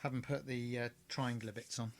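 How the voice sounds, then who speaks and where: On a live stream, a man demonstrates model railway crafting, rambling and chatty, full of fillers and self-corrections. He's a hobbyist host with a mid-range voice, a steady tone and a brisk pace.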